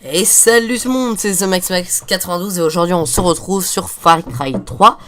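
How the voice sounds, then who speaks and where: This teen video host has a cold that leaves him stuffy, and he chatters on through a casual let's-play, cursing the game. His voice sits high at a normal pace, with music in the background.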